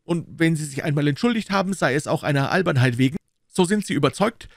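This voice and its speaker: A man voicing a proud, quick-tempered young male Gascon swordsman, talking with earnest, touchy insistence in an audiobook reading. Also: fairly high pitch, animated, creaky, dry recording, clean studio sound, voice pushed up. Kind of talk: audiobook character voice.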